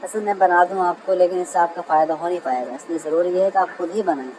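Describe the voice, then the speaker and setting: A man teaching Arabic grammar in a lecture, who keeps calling his listeners brother, reads example sentences slowly and answers his own questions. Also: high voice, noisy background. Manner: asks a question and answers it himself. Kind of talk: classroom lecture.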